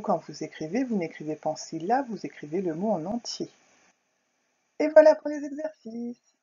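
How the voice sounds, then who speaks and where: A woman teaching a recorded phonics lesson to young children, speaking slowly and clearly, sounding out words syllable by syllable. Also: medium pitch, warm tone. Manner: slow, carefully articulated, syllable by syllable. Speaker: primary school teacher. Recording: dull lo-fi recording.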